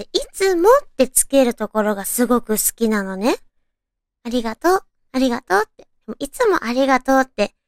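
A woman's voice: a little high, creaky, no echo, clean studio sound. A woman chatting casually and girlishly as a solo host, reading out romantic material and adding her own reactions. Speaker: solo host of an audio talk show.

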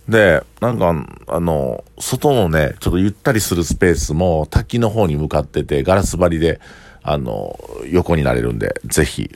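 Very deep-voiced Kansai man speaking through a mouthguard. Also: a little mellow, no echo. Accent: Kansai, Osaka. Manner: speaking with a mouthguard in, slightly muffled articulation; rambling, conversational, thinking aloud. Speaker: podcast host who runs bars and eateries. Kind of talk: casual solo podcast monologue.

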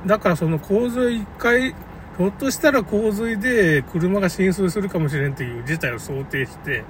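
Rambling and opinionated, a commentator tells the story of a local flood in a casual, unscripted, conversational monologue. He speaks at a moderate pace with a voice that sits high, picked up by a distant mic amid noisy car and outdoor sounds.

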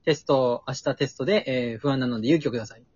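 A man's voice: medium pitch, a little mellow, slightly rough, no room sound. A male comedian, bossing and teasing his partners in podcast banter. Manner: bossy, teasing, quick retorts. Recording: dull lo-fi sound.

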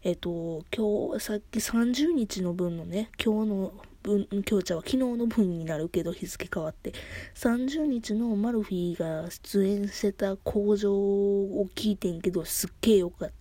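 Middle-aged kansai lady rambling on her solo podcast, husky mellow voice, keeps correcting herself. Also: mid-range voice, normal speed, no echo. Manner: rambling, self-correcting, chatty. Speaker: podcast host. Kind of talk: casual solo podcast chat.

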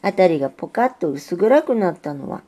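A woman narrating a storybook in a calm, measured reading. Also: fairly low pitch.

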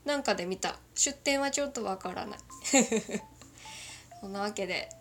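A woman's voice: medium pitch, normal speed, a bit bright, faint music behind. A woman from Kagoshima with a mixed northern Kyushu accent, rambling through a casual solo chat and giggling often. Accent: northern Kyushu Japanese. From Kagoshima, Japan.

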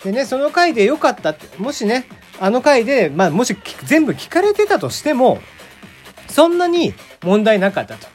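A man's voice: very high voice, wildly swooping pitch, moderate pace, faint music behind. A man in his forties from Kagoshima, hosting his own podcast in a rambling, chatty monologue full of fillers and little chuckles. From Kagoshima, Japan. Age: 40s. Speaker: solo podcast host. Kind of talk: casual radio-style monologue.

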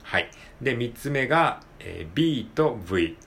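A man hosting his own podcast, talking alone in a polite, relaxed way with many drawn-out fillers. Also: medium pitch, creaky. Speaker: podcast host. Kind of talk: casual solo podcast talk.

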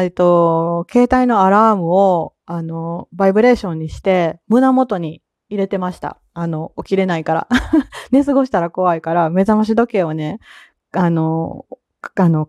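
A chatty woman with a Kansai accent talks alone into the mic in a loose, rambling way, breaking into little laughs. Her voice is mellow and warm, and the sound is close and dry with no room behind it. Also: mid-range voice, no room sound. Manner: chatty, laughs often, frequent fillers. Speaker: solo podcast talker. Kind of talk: casual solo chat.

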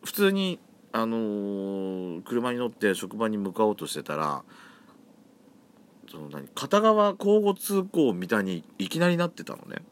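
Animated low-voiced man from Yamagata. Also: a little slow. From Yamagata, Japan. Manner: chatty, campy feminine phrasing. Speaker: podcast host. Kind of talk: solo casual chat.

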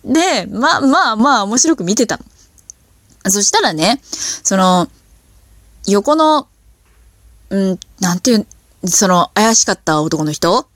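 A woman hosting a casual solo talk, telling stories in an animated, chatty way with lots of fillers. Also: medium pitch, slow, pauses often, no room sound, studio quality. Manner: animated storytelling with impressions. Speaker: podcast host.

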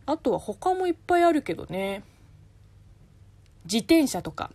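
Host, woman from China, Chinese-accented, casual explainer, animated melody, dry close mic. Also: a little slow, no room sound. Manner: chatty, explains with spoken examples, lively pitch swings. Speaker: podcast host answering listener questions. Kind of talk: casual solo radio talk.

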